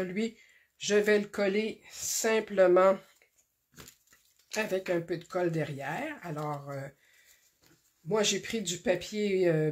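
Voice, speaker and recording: Slow, soft-spoken woman demonstrating crafts. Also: fairly low pitch. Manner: slow, careful, talks through each step with many fillers. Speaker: card-making tutorial host.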